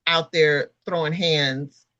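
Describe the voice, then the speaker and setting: A woman co-hosting a podcast in casual chat, pausing often with fillers and restarts. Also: low voice, fairly even intonation, pushed and bright, dry recording, muffled recording. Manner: halting, many restarts and fillers. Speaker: podcast co-host.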